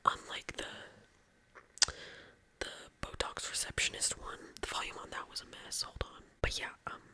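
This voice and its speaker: Young woman in her 20s, whispered ASMR chat, crisp bright whisper, stuffy nose, loud breaths, rambly filler-heavy delivery. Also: unhurried. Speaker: ASMR creator.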